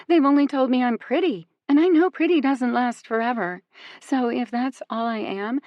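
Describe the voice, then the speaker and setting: A woman's voice: no room sound, dull audio. Woman voicing a tearful, insecure teenage girl. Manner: shaky, higher and louder than the narration.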